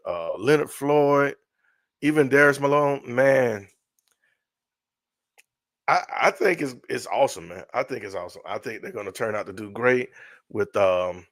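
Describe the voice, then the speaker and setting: Excitable man rambling live sports talk. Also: mid-range voice, no room sound, clean studio sound. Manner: excitable, repeats himself, trails off mid-sentence. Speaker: sports show host. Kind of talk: casual live-stream commentary.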